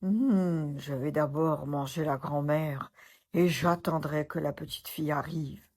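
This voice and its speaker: A woman voicing a sly, menacing male wolf with a deep, gruff voice, drawn out slowly and loudly, from a children's storybook. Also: full character voice. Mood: scheming. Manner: slow, loud, looming delivery.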